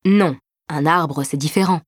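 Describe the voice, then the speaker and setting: Woman voicing a gentle, reassuring big brother. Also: sits low, unhurried, slightly rough, no echo, clean studio sound. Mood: patient explaining. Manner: patient, explanatory. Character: gentle, reassuring older brother explaining patiently.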